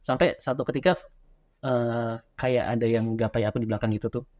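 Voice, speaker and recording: A young man rattles through a memory at a quick clip. His voice sits mid-range and animated. It is casual podcast chat, with no polish. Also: mid-range voice. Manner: animated storyteller, quick and loose. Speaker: guest, horror story writer. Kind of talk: casual podcast chat, recounting a childhood experience.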